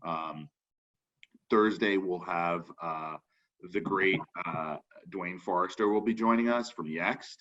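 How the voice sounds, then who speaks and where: A young man co-hosts a web forum show over a video call, chatting casually with many fillers and restarts. His voice sits low and is fairly bright, and he speaks slowly. His computer mic gives slightly dull video-call audio.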